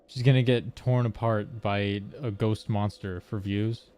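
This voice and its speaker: A man's voice: on the low side, steady tone, a little slow, a little mellow, clean tone. A man giving casual gameplay commentary, rambling with joking asides. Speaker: game streamer. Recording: faint game music behind.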